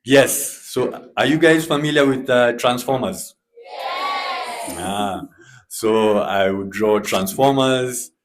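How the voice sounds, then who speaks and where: A man with a Kenyan accent, a comic artist guest who chats in a relaxed way on a panel. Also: medium pitch, slow, a crowd in the background, noisy background. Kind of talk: panel discussion.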